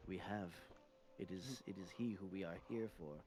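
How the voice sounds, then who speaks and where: A man playing a cool, threatening adventurer in a tabletop game, speaking in a measured, deliberate way. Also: low voice, a little mellow, pitched below the performer's own voice, lightly acted. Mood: calm negotiating. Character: cool, threatening male adventurer, offering bargains. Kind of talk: in-character tabletop role-play.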